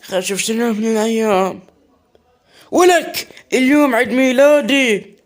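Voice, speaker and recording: Speaking at a moderate pace with lively intonation and an extremely high pitch, this comedy skit performer narrates game play in an Iraqi Arabic accent. He improvises a comic role-play, voicing several characters, and often hesitates and repeats himself.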